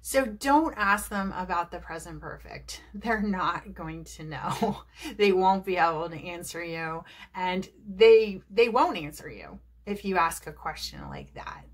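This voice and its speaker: A woman from New Jersey, United States, teaches English in a video lesson to camera, talking viewers through tips in an encouraging, chatty manner full of rhetorical questions. She speaks in a lowish, expressive voice at a measured pace.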